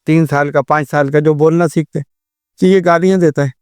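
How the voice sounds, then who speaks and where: Guesting on a studio discussion, a male religious scholar gives advice, patiently explaining good manners with everyday examples. He speaks on the high side in a steady, clean, slightly mellow tone, captured as a dry, studio-quality recording.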